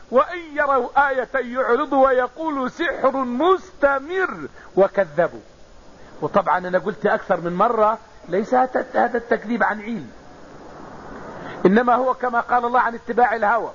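Male preacher, very high and breathy, lesson delivery on a muffled recording. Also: expressive, fast talker, fairly bright tone, slight background noise. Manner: explains with everyday examples, repeats phrases. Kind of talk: religious lesson.

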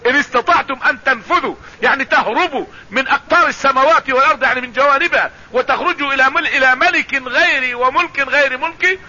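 A man's voice: extremely high pitch, fast talker, hardly any pauses, pushed and bright. A man giving a Quran commentary lesson, explaining patiently, repeating phrases and reciting verses. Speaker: religious teacher. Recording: dull lo-fi radio broadcast.

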